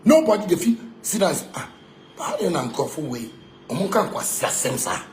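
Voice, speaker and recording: This Ghanaian-accented man speaks on the high side, his pitch swooping wildly as he talks fairly quickly over music. He's confrontational and angry, ranting in Pidgin and broken English, repeating lines and throwing insults. It was captured in an echoey room with noise in the background.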